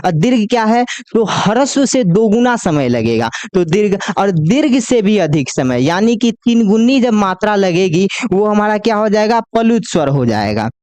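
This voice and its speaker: A man teaching Hindi grammar in a coaching class, who asks the class questions, answers them himself and draws the letters out slowly as he lists them. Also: sits high, a little mellow, clear, resonant tone, no room sound. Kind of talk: classroom lecture.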